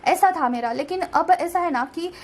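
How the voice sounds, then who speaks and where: A woman's voice: very high-pitched, moderate pace. A young woman giving a casual, reassuring tarot card reading, mixing English words into her Hindi. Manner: gentle, reassuring, keeps saying "theek hai".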